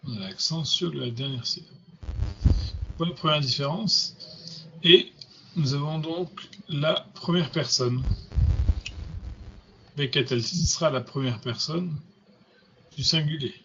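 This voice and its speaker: A man's voice: fairly high pitch, a little slow, creaky, long pauses, pushed and bright, dull audio, a little hiss or hum. A man teaching a grammar lesson, patiently repeating and spelling out words. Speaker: Hebrew teacher.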